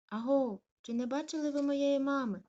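A woman's voice: a little high, big pitch swings, moderate pace, darkish tone, highs cut off, pitched above the performer's own voice. A woman voicing an eager little male corgi puppy who calls out and pleads. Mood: scared.

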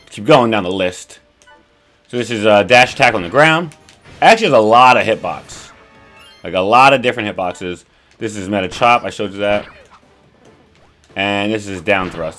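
A man's voice: fairly low pitch, lively intonation, moderate pace, pauses often, fairly bright tone, soft background music. A young man casually walking through a game character's moves as a tutorial host, enthusiastic and rambling with laid-back slang. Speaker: gaming channel host.

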